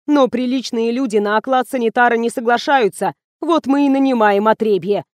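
A woman's voice: on the high side, normal speed, no room sound, studio quality, close to an everyday voice. A woman reading an audiobook, voicing a fussy, bossy middle-aged female doctor who scolds and blusters. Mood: flustered. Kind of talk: audiobook character voice.

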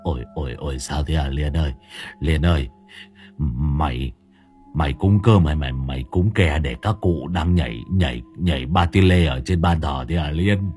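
A man's voice: extremely low pitch, moderate pace, darkish tone, faint music behind, pitched below the performer's own voice. A man voicing a flustered village husband who stammers in bewildered panic. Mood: panicked.

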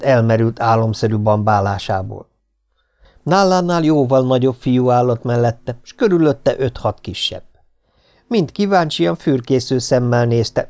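A man narrating an audiobook with an animated, expressive reading. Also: medium pitch.

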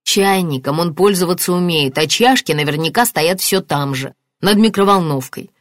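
A woman's voice: on the low side, normal speed, no echo, studio quality, lightly acted. A woman reading an audiobook, voicing a composed young adult son who speaks firmly and defensively. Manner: defensive, firm.

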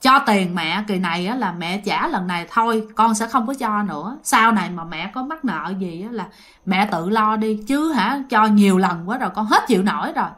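Woman as an exasperated Southern daughter, quick and firm, lively pitch. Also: close to an everyday voice. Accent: Southern Vietnamese. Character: fed-up adult daughter pleading firmly.

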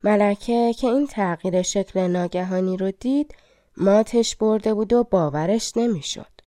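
A woman narrates a fairy tale in a calm, measured way. Her voice is warm and mellow, and the recording is close and dry with no room sound. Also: mid-range voice, no echo. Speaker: audiobook narrator.

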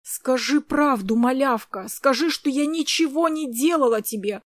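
A woman's voice: high voice, normal speed, dry recording, studio quality. Woman reading a mocking, spiteful young woman, audiobook style. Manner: sneering, taunting.

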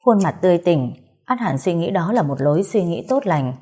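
Calm woman narrating a romance audiobook. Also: fairly low pitch, fairly quick, husky. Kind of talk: scripted narration.

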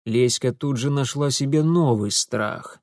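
A man narrating an audiobook in an expressive storytelling manner. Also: mid-range voice, measured pace, dry recording, studio quality.

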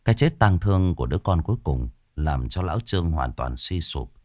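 A man narrating a horror story in a dramatic, expressive way, recorded on a close mic. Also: deep voice, fairly quick, no echo.

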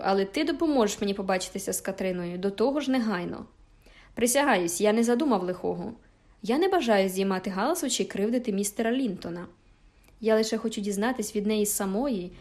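A woman's voice: on the high side, lightly acted. A woman reading aloud and voicing a cruel, vengeful man who speaks in a menacing, commanding way. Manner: menacing, commanding, louder than narration.

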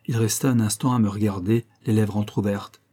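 A man reading a literary story aloud as a narrator, with a measured, even delivery. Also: lowish voice, husky. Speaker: audiobook reader.

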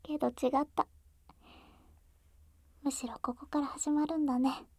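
A young woman playing an affectionate, excitable girlfriend on a sleepover, in intimate pillow talk that often slips into breathy whispers. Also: high voice, unhurried, no room sound. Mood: tender, happy. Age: young adult. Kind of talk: intimate pillow-talk role-play to the listener. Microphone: close, dry microphone.

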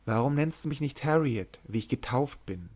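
A man's voice: mid-range voice, unhurried. A man reading aloud, voicing a teasing young noblewoman disguised as a lord, who speaks in a lisping, coy whisper.

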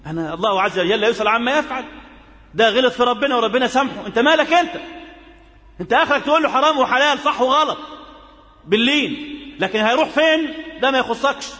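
A man with an Egyptian accent giving a Friday sermon, moving between formal Arabic and lively colloquial asides. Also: very high-pitched, fast, long pauses, big-room sound. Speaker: preacher.

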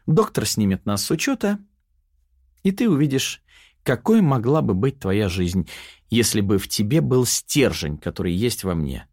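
A man's voice: on the low side, big pitch swings, moderate pace, darkish tone, no room sound, clean studio sound. A man voicing a cocky, scheming young woman who taunts her timid other self. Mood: mocking.

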